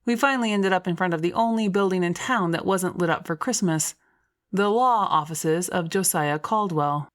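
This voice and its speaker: A woman's voice: on the low side, normal speed. A woman reading scripted first-person story narration as an audiobook narrator.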